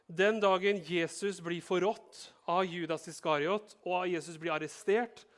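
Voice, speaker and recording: In a fairly high voice, a male pastor gives a lively, conversational sermon sprinkled with humor, addressing each listener as though speaking to them personally.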